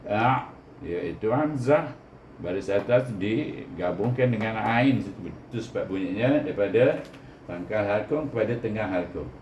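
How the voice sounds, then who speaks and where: A Malaysian man with a fairly low voice gives a step-by-step recitation lesson. He over-enunciates, sounding out each syllable with a teacher's care. The room is clearly echoey, with faint noise behind him. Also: lively intonation, unhurried, darkish tone. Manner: didactic, often ends points with a short "eh" tag. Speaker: Quran reading teacher.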